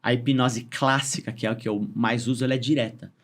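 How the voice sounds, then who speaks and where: A man's voice: mid-range voice, fairly even intonation, brisk. A man who is a hypnotist, a guest on a podcast, explaining things in a casual, chatty way and often restarting sentences.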